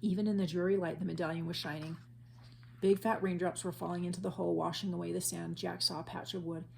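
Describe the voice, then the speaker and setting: Woman reading a kids book out loud, lowish voice with some vocal fry. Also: fast talker, a little hiss or hum. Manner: steady, clear storytelling. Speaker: children's book reader. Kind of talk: reading a children's book aloud.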